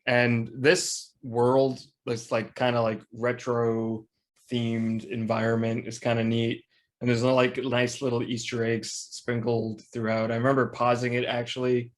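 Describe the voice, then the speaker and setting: A man's voice: mid-range voice, monotone, measured pace. A man co-hosting a podcast, chatty and loose, laughing easily in casual conversation. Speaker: podcast co-host. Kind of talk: casual chat.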